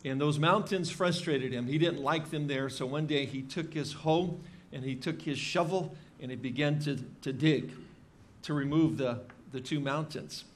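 A man's voice: a little high, normal speed, slight background noise. Man preaching a conversational sermon. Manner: conversational, many fillers and restarts. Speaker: pastor. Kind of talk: expository sermon. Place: church stage with drum kit behind.

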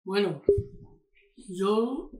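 Slow-talking older man, echoey room. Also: high-pitched, animated. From Honduras. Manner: halting, with many fillers and restarts. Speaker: podcast guest. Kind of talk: casual interview conversation.

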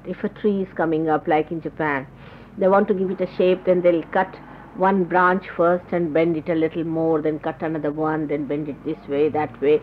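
Woman spiritual teacher, explanatory and unhurried, heard on a lo-fi old tape. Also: low voice, slight background noise. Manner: explanatory, gropes for words with pauses. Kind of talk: spoken spiritual talk to followers. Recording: dull lo-fi 1979 tape recording.

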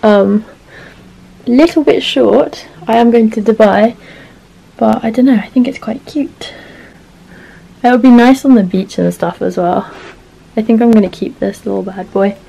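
A woman's voice: a little high, unhurried, creaky, long pauses, mellow, low-quality recording. A young British woman chatting casually to camera, self-mocking and rambling with lots of "um" and "but yeah", while trying on clothes at home. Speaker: vlogger showing a clothing haul.

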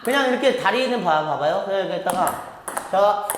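A man gives a hands-on table tennis coaching demonstration, chuckling and talking animatedly in a high, expressive voice at a slightly fast pace. It's recorded in a large, echoey indoor hall with ball clicks in the background and a little hiss or hum.

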